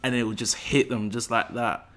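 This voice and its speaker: A young man, a university student, chatting as a podcast guest in a relaxed, agreeable way. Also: mid-range voice, moderate pace. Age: young adult. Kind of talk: casual chat.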